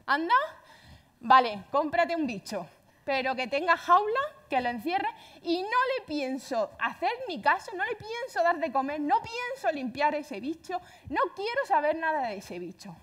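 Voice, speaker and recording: A woman's voice: high voice, big pitch swings, unhurried, a bit bright, pitched above the performer's own voice, exaggerated voice. A woman acting out an exasperated middle-aged mother who scolds her child with emphatic refusals.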